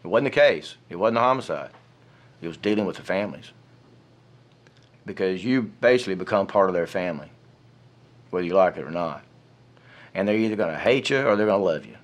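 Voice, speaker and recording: A man's voice: low voice, expressive, brisk, long pauses. A man who worked as a homicide detective explaining his work in a plain, matter-of-fact way, often repeating words. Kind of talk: interview.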